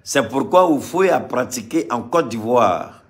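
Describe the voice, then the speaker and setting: A man from Mali gives impassioned political commentary to a live crowd, repeating phrases to stress them and swinging from loud to quiet. He has a medium pitch, lively intonation, and an unhurried delivery.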